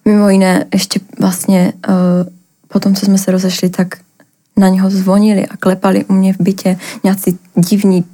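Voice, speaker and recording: A young woman from the Ostrava region giving a personal account as a podcast guest, talking haltingly with lots of filler words. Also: mid-range voice, completely flat delivery, mellow.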